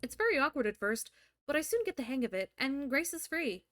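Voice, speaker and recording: A woman's voice: sits high, very animated, a little fast, fairly bright tone, no room sound, studio quality. A young woman livestreaming as a VTuber, reading a visual novel aloud and breaking off into crude, joking asides. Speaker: VTuber streamer. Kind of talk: live-streamed visual novel reading with commentary.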